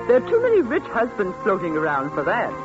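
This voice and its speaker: An actress playing a pushy, gushing Victorian married sister in 1940s radio style, chatty and sociable. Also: female voice, mid-range voice, huge pitch swings, brisk. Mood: persuasive, gushing. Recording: dull 1940s radio recording with music.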